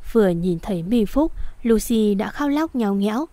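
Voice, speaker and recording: A woman reading a story aloud in an even storytelling manner. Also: mid-range voice, normal speed, dry recording. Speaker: narrator.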